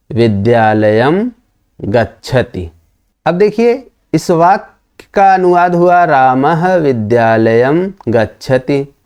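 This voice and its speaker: A man explains grammar in a slow, measured lecture. His pitch sits mid-range, and he works through each point patiently, repeating it and answering his own questions. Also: warm tone. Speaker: Sanskrit grammar teacher. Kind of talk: explanatory lesson.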